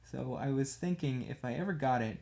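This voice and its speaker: A man's voice: mid-range voice, normal speed, vocal fry, warm tone. A man casually chatting on a livestream while painting miniatures, rambling and self-deprecating as he works. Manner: talks absent-mindedly while working with a brush.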